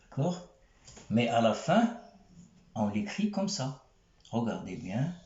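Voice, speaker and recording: A man teaching the Arabic alphabet in a slow, patient lesson, repeating syllables and checking that his students follow. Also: medium pitch, very animated, darkish tone, reverberant, lo-fi sound.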